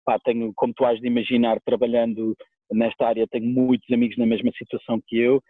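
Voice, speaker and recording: This fast-talking man has a medium pitch that barely moves, with no room sound. He's a musician and DJ with a European Portuguese accent, giving a relaxed, long-winded, colloquial interview over a tinny line that sounds like a phone.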